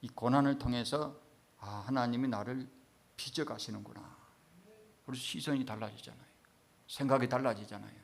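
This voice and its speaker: A man preaching a sermon in a conversational way, with a voice of ordinary pitch for a man. He keeps turning to his congregation with rhetorical questions. He drops to quiet asides and then climbs to loud, emphatic peaks. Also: a little fast, gravelly, pauses often. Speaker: pastor.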